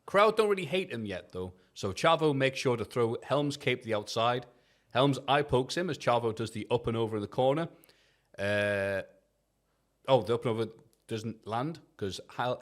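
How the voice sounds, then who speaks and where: A man co-hosting a wrestling review podcast, reading his written recap in a jokey, casual way, swearing and laughing often. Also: mid-range voice.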